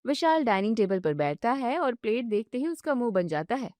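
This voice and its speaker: A woman's voice: a little high, sing-song, a little fast, a little mellow, no echo. Woman narrating a bedtime story, dry sound. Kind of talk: scripted narration.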